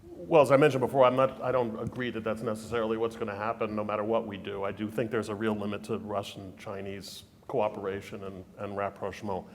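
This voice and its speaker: A man's voice: on the low side, little pitch movement, fast talker. Man talking on a panel in a hall. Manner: conversational, with frequent restarts. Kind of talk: panel discussion answer. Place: lecture hall. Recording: long hall reverb.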